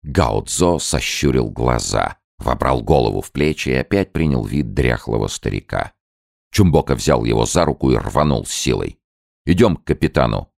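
A man narrating an audiobook in a measured storytelling voice. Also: extremely low pitch, lively intonation, vocal fry, a little mellow, no echo, studio quality. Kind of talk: scripted narration.

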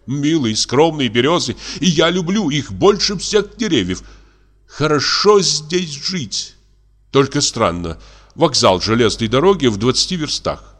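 A man reading a play aloud, voicing a reflective middle-aged army officer who muses slowly about life. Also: mid-range voice, sing-song, a bit bright. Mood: musing.

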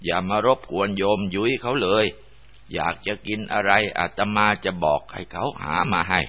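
A man voicing an elderly village abbot monk who speaks gently to a spirit and then turns stern. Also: low-pitched, normal speed. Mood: soothing. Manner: calm and soothing, turning stern. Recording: dull lo-fi recording.

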